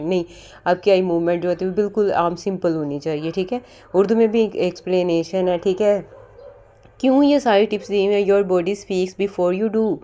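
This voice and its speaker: A woman's voice: lowish voice, mellow. A woman giving a casual spoken lesson on interview preparation, explaining step by step and mixing in English terms. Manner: explains step by step, often repeats "ठीक है"; mixes English terms into Urdu. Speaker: interview prep tutor.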